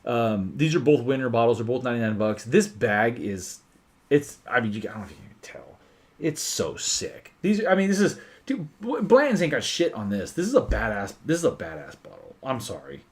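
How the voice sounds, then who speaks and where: A man hosting a casual whiskey livestream, animated and swearing freely as he tells stories. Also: mid-range voice, moderate pace.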